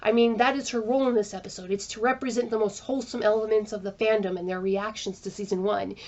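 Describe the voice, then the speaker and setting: A woman's voice: mid-range voice, steady tone, fast, darkish tone, dull audio. A woman giving a scripted but chatty TV episode review, enthusiastic, and she sometimes stops to search aloud for a word. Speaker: video essayist reviewing a TV episode. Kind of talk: scripted commentary with asides.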